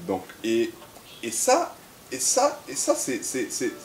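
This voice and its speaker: A man from Central Africa, an interview guest who talks haltingly, repeating words, then tells stories in a measured way. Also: mid-range voice, huge pitch swings, creaky. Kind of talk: reflective conversational interview. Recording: echoey room with faint hiss.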